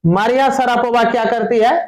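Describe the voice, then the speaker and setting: A man with a high-pitched voice teaches a class, reading English lines and explaining them at length. He keeps asking the students questions and repeats their replies back to them. The room rings with echo. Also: steady tone, brisk, a crowd in the background.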